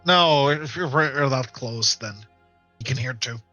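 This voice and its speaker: Bright-voiced man at a tabletop game. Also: mid-range voice, a little slow, no room sound, highs cut off, faint music behind. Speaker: player.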